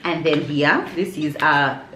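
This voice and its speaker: A woman chatting over a meal, lively and excitable, laughing often. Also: deep voice, slow. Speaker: guest influencer. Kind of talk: casual chat over food. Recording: roomy echo with clear background noise.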